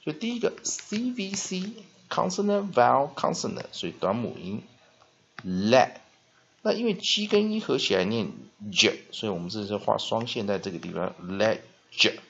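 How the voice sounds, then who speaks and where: A man's voice: mid-range voice, wildly swooping pitch, normal speed, creaky, a bit bright, breathy edge. A man teaches English vocabulary at a whiteboard, explaining step by step, spelling words out and often drawing out a filler "ah". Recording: dull lo-fi recording.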